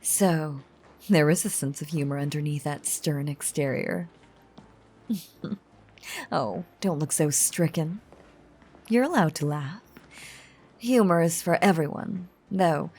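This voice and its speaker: Here a woman voices an ancient, elegant vampire lady in a roleplay audio drama, with gentle music playing beneath. Her exaggerated delivery is low, slow and husky, every word cleanly shaded, as she teases and coaxes in courtly, archaic, velvety formal language.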